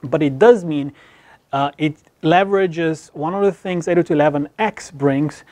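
Guy in his 30s running through wifi hardware fast, lots of uhs, dry studio sound, talks w his hands. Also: a little high, darkish tone, no room sound. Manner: brisk, fluent, many fillers, talks with his hands. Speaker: product presenter. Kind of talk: technical product explainer. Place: studio with dark backdrop.

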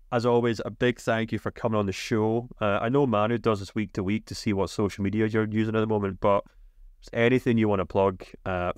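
A man's voice: lowish voice, smooth, no room sound, clean studio sound. A man with a broad Scottish accent hosting a casual football podcast. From Scotland. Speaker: podcast host.

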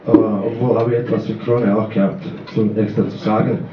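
A man reading his own poem at a poetry slam, halting, with fillers and non-native grammar. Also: fairly low pitch, little pitch movement, a little hiss or hum. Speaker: slam poet. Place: small bar at a live poetry slam. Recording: roomy, dull live recording.

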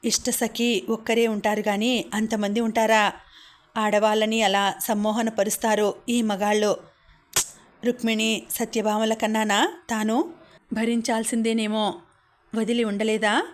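A woman narrating an audiobook novel with a steady, even reading. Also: fairly high pitch, unhurried.

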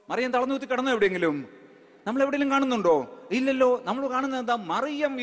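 A man's voice: sits high, a bit bright. A male priest preaching a sermon emphatically, calling out hallelujah and asking the crowd rhetorical questions. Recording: long hall reverb.

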